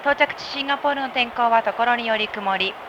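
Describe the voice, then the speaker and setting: A woman flight attendant reads a formal announcement at a very rapid pace. Her voice is fairly high and polite. It comes through a muffled cabin speaker with clear aircraft noise behind it.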